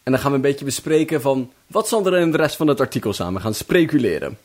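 A man's voice: mid-range voice, animated, quick pace. A young man co-hosting a casual podcast, teasing his partner and joking around playfully. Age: young adult. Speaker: podcast co-host. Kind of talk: casual chat.

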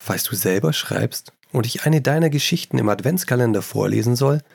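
A man hosting a podcast, reading a listener's short story aloud in a slow, measured way with deliberate pauses. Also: medium pitch, lively intonation, creaky, darkish tone, breathy edge, no room sound, studio quality.

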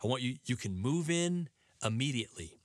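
A man voicing an eccentric candy maker, speaking softly and offhand in a lowered voice. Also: lively intonation, fairly quick, no room sound, studio quality, close to an everyday voice. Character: eccentric adult male candy maker, stern.

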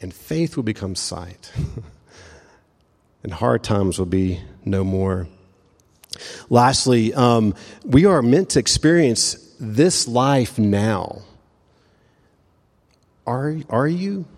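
A man preaching a sermon in a conversational way, often restarting phrases and slowing down to stress the scripture he reads. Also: mid-range voice, lively intonation, in a large hall. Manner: conversational, self-interrupting, slows for emphasis on quoted scripture. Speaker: pastor.

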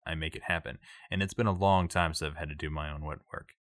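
A man playing a cold, low-voiced crime boss. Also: fairly even intonation, fast, fairly bright tone, no room sound, studio quality. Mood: cold menace. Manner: clipped, coolly menacing. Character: menacing male crime boss, cold and threatening.

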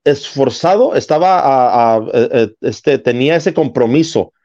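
A man's voice: mid-range voice, lively intonation, unhurried, dark tone. Man explaining through analogies. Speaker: podcast co-host. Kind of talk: casual podcast chat. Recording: slightly dull lo-fi sound.

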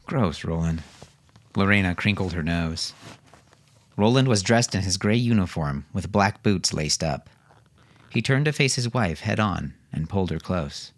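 A man with a low voice narrates a novel aloud. His reading swings widely in pitch, with expressive storytelling. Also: moderate pace. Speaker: audiobook narrator. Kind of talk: scripted narration.

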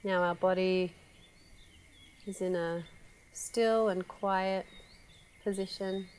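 A woman guiding a relaxation meditation, speaking slowly and softly with long pauses. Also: medium pitch. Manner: slow, soft, calm with long pauses. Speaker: meditation guide.

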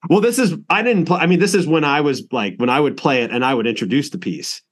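A man's voice: a little high, lively intonation, quick pace. A man hosting a percussion podcast, talking in a casual, rambling way with many restarts. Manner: rambling, with frequent restarts and laughs.

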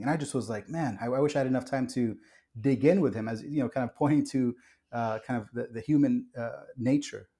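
A man's voice: mid-range voice, mellow. A man who was born in Kuwait and raised in the US, a pastor talking earnestly and reflectively in a podcast interview, with frequent restarts and fillers.

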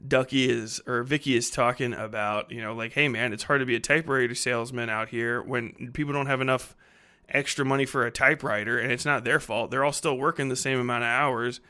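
On his podcast, a fiction writer in his thirties talks off the cuff with a medium-pitched voice that's steady, sharp and a little fast. The casual monologue rambles, sounds blunt and slangy, and is thick with swearing.

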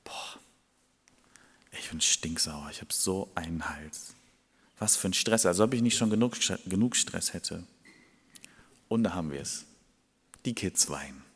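A man acts out an irritated man woken in the middle of the night, scolding his friend in a low voice. He sounds grumpy and fed up. The voice rings in a large, reverberant hall. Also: expressive, a little slow, long pauses, husky, full character voice. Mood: grumbling. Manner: irritated, scolding, hushed at times.

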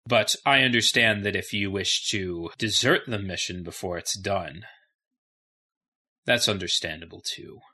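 A man playing a shrewd, courteous lord in a tabletop game, speaking in a measured, diplomatic and formal way. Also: fairly low pitch, bright, forceful tone, exaggerated voice. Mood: cool, businesslike. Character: shrewd, courteous male lord hiring adventurers.

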